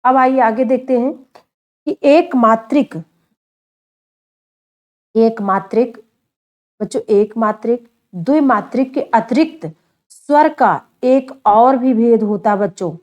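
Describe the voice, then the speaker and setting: A woman's voice: fairly high pitch, takes it slowly, long pauses, a little mellow. A woman teaching a grammar lesson, often asking a question and then answering it herself, and often calling her listeners children. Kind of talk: online Hindi grammar lesson.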